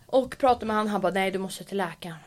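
A woman co-hosting a casual podcast, telling a story with animated energy. She acts out the voices of the people she quotes and swears freely. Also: mid-range voice. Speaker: podcast co-host.

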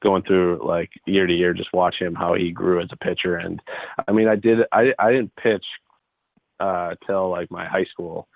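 A man's voice: sits low, flat delivery, moderate pace, creaky, no echo. Young man on a tinny phone line. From Chicago area, United States. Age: 20s. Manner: loose and rambling, heavy on filler "like". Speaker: guest, baseball pitcher. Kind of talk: casual interview chat.

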